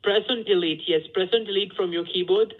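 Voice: mid-range voice, a little fast, breathy edge. A phone agent giving tech support instructions in an insistent, repetitive, formally polite way. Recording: dull lo-fi phone call.

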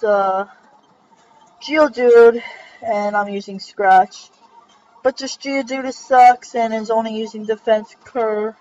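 A young woman casually commenting on her gameplay, rambling, joking and correcting herself. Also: on the high side. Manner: rambling, self-correcting, jokey. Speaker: let's play host. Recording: dull lo-fi recording with faint music.

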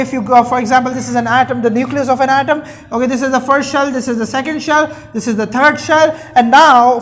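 A young man gives an explanatory classroom lecture. He teaches by posing questions and answering them himself, adding short check-in tags as he goes. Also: very high-pitched. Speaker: chemistry teacher. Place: indoor room at a whiteboard.

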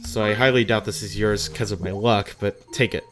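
A gaming host giving casual gameplay commentary, musing aloud in an animated way and sometimes reading game text. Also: mid-range voice, fairly quick. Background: game music.

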